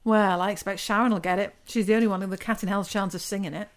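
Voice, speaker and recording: A woman's voice: mid-range voice, fairly even intonation, fast talker. A woman, acting as an amateur actress in a radio comedy, dry and exasperated.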